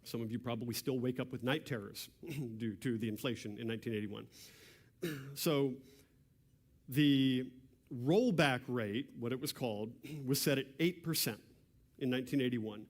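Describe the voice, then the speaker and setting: A man giving a public seminar talk in a church hall, conversational, often clearing his throat. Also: medium pitch, normal speed. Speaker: property tax presenter. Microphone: handheld or stand mic, cutting out at times.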